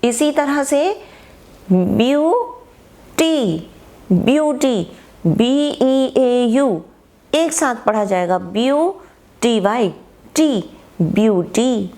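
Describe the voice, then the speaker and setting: A woman from northern India with a Hindi accent, teaching an English lesson and spelling words out slowly, syllable by syllable. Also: a little high, lively intonation, warm tone. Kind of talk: slow spoken lesson.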